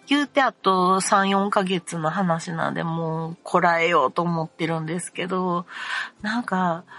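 A woman's voice: lowish voice, a bit bright. A young woman with a Kansai accent hosting a casual solo talk show, chatty and wry, with lots of fillers as she complains. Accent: Kansai Japanese. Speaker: podcast host.

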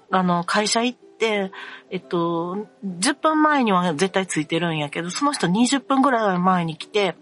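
A young woman with a Kansai accent hosting a casual solo talk show, chatty and wry, with lots of fillers as she complains. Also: medium pitch. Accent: Kansai Japanese. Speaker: podcast host.

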